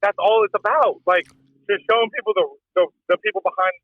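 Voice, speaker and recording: A man's voice: high voice, fairly even intonation, fast, no echo, narrow, tinny audio. A man telling profane, joking stories in a rambling casual chat as a podcast guest. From Pennsylvania.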